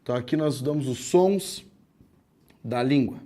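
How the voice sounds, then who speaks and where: A man teaching a grammar lesson, explaining step by step, asking the class questions, and slowing down to break words into syllables. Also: medium pitch, warm tone. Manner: slows down to spell out words syllable by syllable. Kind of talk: classroom lecture.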